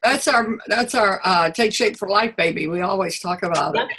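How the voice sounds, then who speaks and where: A woman's voice: mid-range voice, moderate pace, a bit bright, slightly rough, low-quality recording. A woman coaching a weight-loss group, chatting casually over a video call and wandering through her stories with restarts.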